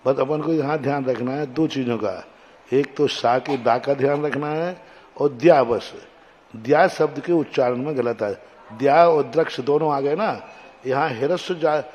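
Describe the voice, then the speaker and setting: A man teaching a class, correcting students as they recite a verse and sounding out syllables slowly to show them how. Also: medium pitch, darkish tone, muffled recording. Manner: patient, corrective, repeats syllables slowly to demonstrate. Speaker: Jain monk teacher.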